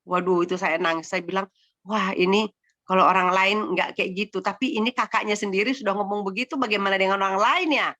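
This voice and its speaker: A woman's voice: medium pitch, fairly even intonation, a little fast, sharp tone. A middle-aged woman giving a personal faith testimony to a congregation, telling it in a chatty, emotional way with many fillers.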